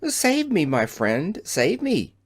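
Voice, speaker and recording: A reader voicing an eager young girl who calls out and pleads in a high, excited voice, in an audiobook. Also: unhurried. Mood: eager pleading. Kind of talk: audiobook character voice.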